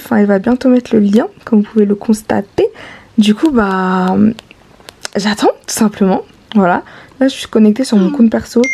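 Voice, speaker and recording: Teen girl vlogger, casual and rambling, warm dark timbre. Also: mid-range voice, slightly rough, rough recording. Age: teens. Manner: chatty, many fillers. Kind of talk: casual vlog narration.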